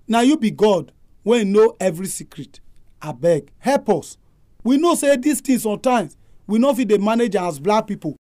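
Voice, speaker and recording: A woman's voice: medium pitch, warm tone. A pastor with a Nigerian accent, a woman by the sound of the voice, exhorting and praying in Pidgin.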